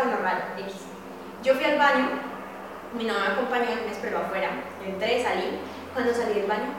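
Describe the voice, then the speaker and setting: A young woman tells a lively story in a casual round-table chat and swears offhandedly as she goes. Her voice sits a little high. The room is strongly echoey, with a long reverb tail, and the mic is set some way off. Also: distant mic, noisy background. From Colombia. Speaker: podcast host.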